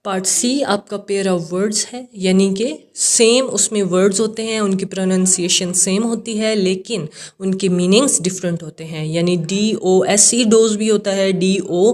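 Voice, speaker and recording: A woman's voice: mid-range voice, darkish tone. A young woman English teacher with a Pakistani accent, walking students through an exam paper and checking in often to be sure they follow. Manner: mixes English terms into Urdu, frequent "theek hai" check-ins.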